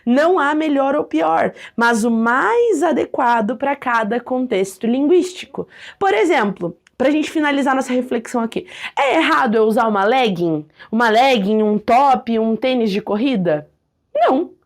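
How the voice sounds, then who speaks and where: A woman teacher gives a video lesson in a lively, playful manner. Her voice is high, and she often slips into little acted examples. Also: moderate pace, gravelly. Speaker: Portuguese language teacher.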